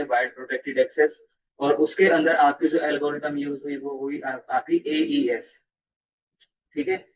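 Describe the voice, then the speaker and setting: Male networking tutor, classroom-style explainer who keeps checking in with the listener, average pitch, recorded off the mic with a dull sound. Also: breathy edge, far from the mic. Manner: repeats "theek hai" and addresses the viewer constantly. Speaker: networking teacher.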